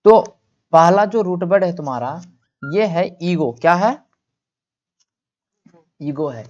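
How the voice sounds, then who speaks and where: A man with a high, expressive, darkish voice teaches vocabulary online, and the highs in the recording are cut off. He poses questions and answers them himself, drawing words out slowly so listeners can repeat after him.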